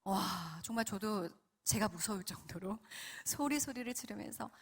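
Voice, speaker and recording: A woman's voice: medium pitch, animated, normal speed, slightly rough. A middle-aged woman giving a testimony sermon at a prayer meeting, telling her story and acting out her own past words and what she heard from God. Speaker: guest speaker at a prayer meeting.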